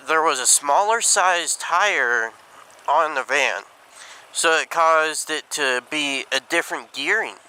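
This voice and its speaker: A man talking casually and haltingly inside a helmet while riding a motorcycle, thinking aloud like a vlogger. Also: medium pitch, pushed and bright, low-quality recording. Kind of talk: casual rambling motovlog talk. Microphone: mic inside helmet. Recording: helmet mic, clear road and engine noise.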